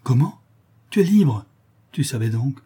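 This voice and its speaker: A poor, grief-stricken father, tearful and pleading, his voice breaking between soft and raised, as a man puts him on. Husky and warm. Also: mid-range voice, big pitch swings, measured pace, voice pushed up, exaggerated voice. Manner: pleading, emotional.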